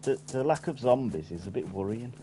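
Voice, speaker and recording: Relaxed man telling stories. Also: medium pitch, fairly quick, over music. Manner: relaxed storyteller who loves to mimic friends. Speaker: gamer. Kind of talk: casual chat while gaming.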